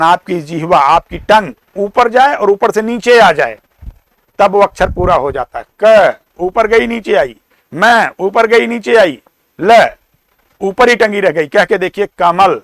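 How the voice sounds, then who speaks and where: A man with an Indian accent giving a classroom lecture, explaining slowly, repeating and sounding out words. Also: high voice, gravelly, fairly bright tone, no room sound. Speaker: teacher.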